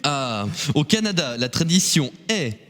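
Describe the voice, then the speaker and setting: A man runs a birthday-traditions quiz with a lively, bouncing voice that sits a little high. He jokes and laughs a lot between questions. The room adds a long, reverberant tail. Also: unhurried. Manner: laughs often, jokey. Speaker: quiz host on local live show. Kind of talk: playful quiz hosting.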